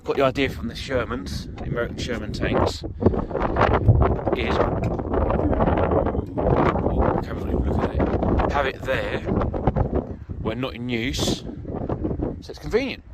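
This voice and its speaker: A British vlogger and amateur vehicle DIYer talks through a repair while he works, rambling casually and poking fun at himself into a handheld camera in and around an off-road vehicle outdoors. His voice sits at medium pitch with lively intonation and a measured pace, broken by frequent pauses. A handheld phone or camera mic picks him up, and the recording is noisy with vehicle ambience.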